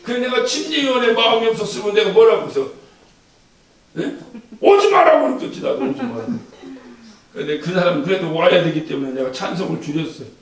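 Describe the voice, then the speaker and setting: A male pastor giving a sermon in a church. He is animated, chuckles as he preaches, and asks the congregation questions. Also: high voice, quick pace. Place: church sanctuary. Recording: echoey church hall from far off.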